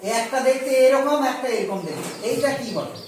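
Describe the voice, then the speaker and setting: A man's voice: extremely high pitch, expressive, slight background noise. Male teacher from going over spelling for kids, patient, keeps repeating and asking, heavy echo, sounds far from the mic. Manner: patient, repeats words slowly and asks questions. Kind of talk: children's Bengali spelling lesson. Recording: echoey room, voice from a distance.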